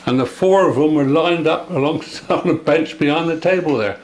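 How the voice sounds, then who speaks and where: Being interviewed in an echoey room with a little background noise, an elderly local man from rural Devon reminisces in a relaxed way. He speaks the old West Country dialect with a Devon accent, in a fairly high voice at a moderate pace.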